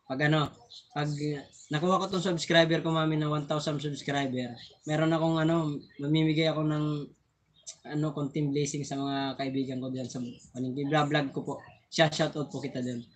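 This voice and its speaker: A man's voice: fairly high pitch, flat delivery, moderate pace. Guy doing a phone live stream, chatty, keeps laughing and tripping on his words, thanking viewers. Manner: chatty, laughs often, stumbles over words. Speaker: vlogger hosting a live stream.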